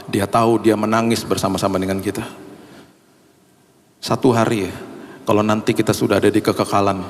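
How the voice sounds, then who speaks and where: A man's voice: little pitch movement, a little fast, slight background noise. Man preaching with feeling in a reverberant church. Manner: emotional personal storytelling, voice climbing high when emphatic. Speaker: pastor. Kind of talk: sermon. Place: large church hall. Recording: long reverb of a church hall.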